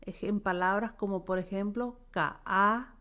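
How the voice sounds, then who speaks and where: A woman teaching a language lesson, dictating words and sounds one by one with careful pauses. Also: medium pitch, steady tone, a bit bright. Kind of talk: slow, deliberate language lesson.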